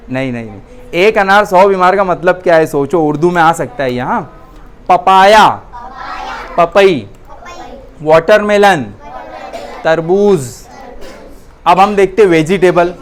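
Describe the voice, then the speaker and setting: Woman teacher, lowish voice, quizzing a class, faint background noise. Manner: asks students questions, coaxing. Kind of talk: classroom lesson.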